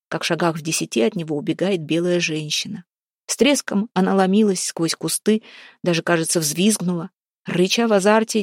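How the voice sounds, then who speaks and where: A woman reading a folk-tale novel aloud as an audiobook narrator, with brisk, suspenseful storytelling. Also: fairly low pitch, a little mellow, dry recording, clean studio sound. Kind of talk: scripted narration.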